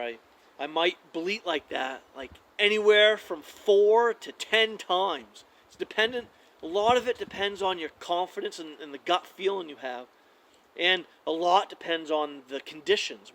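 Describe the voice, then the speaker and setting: A man giving a casual how-to demonstration of hunting calls, talking in a relaxed, conversational way with frequent fillers and restarts. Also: a little high, unhurried, poor audio.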